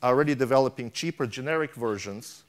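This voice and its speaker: A middle-aged man with a mid-range voice talks fast as he delivers a keynote on a big conference stage. He reads a prepared speech off a tablet, restarting and stumbling often, and is picked up by a lapel mic.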